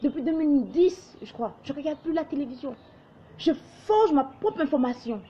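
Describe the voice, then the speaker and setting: A young woman from Ivory Coast, an online commentator, delivers an impassioned lecture to camera in lightly Ivorian-accented French. Her voice is high and expressive with a dark tone, at a moderate pace, and the recording sounds lo-fi. She exhorts her audience and mimics other people in quoted asides.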